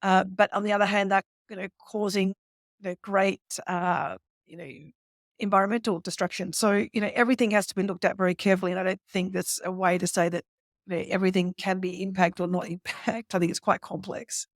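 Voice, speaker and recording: Woman speaking in a flat, even tone. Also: medium pitch, dry recording, clean studio sound. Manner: measured, many "you know" fillers. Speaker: investor guest. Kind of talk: interview conversation.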